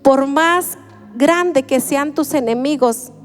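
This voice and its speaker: A woman, preaching a sermon in an earnest, measured way and slowing down for emphasis. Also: sits high, big-room sound, soft background music. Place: church.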